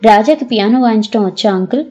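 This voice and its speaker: A woman's voice: fairly high pitch, quick pace, warm tone, highs cut off, faint music behind, natural voice. A woman narrator voicing a caring young woman who asks and calls out urgently. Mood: curious. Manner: urgent, calling out.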